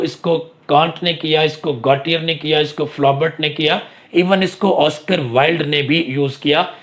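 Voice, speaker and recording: A man lecturing on literary terms, asking questions and then answering them, and drawing out key English phrases for emphasis. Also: on the high side.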